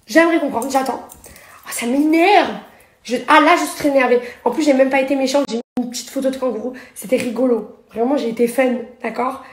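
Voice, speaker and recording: In this social media story rant, a reality TV personality and influencer, a young woman with a high voice, fires off one sarcastic, indignant jab after another. She talks into a phone held at arm's length, and her surroundings echo noticeably, much like an empty apartment.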